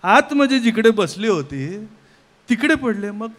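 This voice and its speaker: High-voiced man preaching slowly. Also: sing-song. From Mumbai, India. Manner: rhetorical, keeps asking "kay", swings between soft and loud. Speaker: kirtan preacher. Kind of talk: devotional kirtan sermon.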